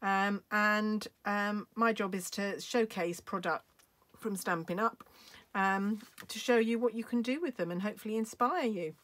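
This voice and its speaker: A woman's voice: mid-range voice, a little slow, a bit bright. A woman from the UK chatting through a craft tutorial as a demonstrator, with hiccups interrupting her and plenty of ums. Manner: chatty, apologetic, frequent ums. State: has hiccups.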